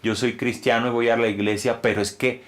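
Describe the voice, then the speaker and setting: A man's voice: flat delivery, fairly quick. A man, a pastor, adding an earnest teaching to a testimony in an informal way. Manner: earnest, teaching, rises in pitch when stressing points. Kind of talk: informal preaching.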